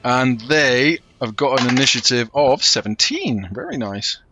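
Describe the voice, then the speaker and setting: A man acting as game master, narrating a tabletop role-playing game in a casual, improvised and halting way. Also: medium pitch, sing-song, noisy background.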